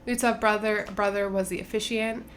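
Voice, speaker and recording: A woman's voice: medium pitch, fairly even intonation, fairly quick, a bit bright, a little hiss or hum. A woman in her twenties, co-hosting a podcast in casual chat, talking with plenty of fillers and "like". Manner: chatty, lots of fillers and "like". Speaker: podcast co-host.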